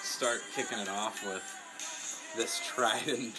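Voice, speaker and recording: A man's voice: lowish voice, steady tone, takes it slowly, music in the background. A man co-hosting a comedy podcast, tossing in dry, joking asides. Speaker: podcast co-host. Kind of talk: casual comedy banter.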